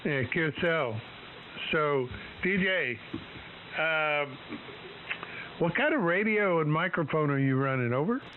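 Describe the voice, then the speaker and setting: A man's voice: a little high, slow, pauses often. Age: unknown. Sex: man. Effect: shortwave radio, thin and hissy. Role: radio operator. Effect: received over shortwave radio, hissy and narrowband. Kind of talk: ham radio contact exchange. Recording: narrow radio band with steady hiss.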